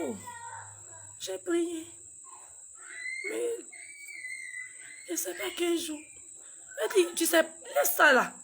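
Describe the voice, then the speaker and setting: A woman with a high voice and a gravelly, fry-laden edge recounts a painful family story. She speaks haltingly, repeats herself and acts out the dialogue of the people involved. Her delivery is raw, personal storytelling. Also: slight background noise. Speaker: grieving mother recounting a loss.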